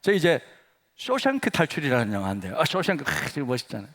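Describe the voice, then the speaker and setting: Middle-aged pastor, lively sermon storytelling, fairly high voice, reverberant hall. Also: male voice, quick pace, creaky, a little hiss or hum. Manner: animated storytelling, acts out dialogue. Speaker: senior pastor. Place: church sanctuary.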